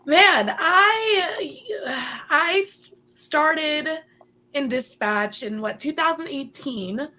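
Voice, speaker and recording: Upbeat higher-voiced woman dispatcher. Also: animated, drawn-out words, sharp tone. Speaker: 911 dispatcher and podcast co-host. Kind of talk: casual podcast chat.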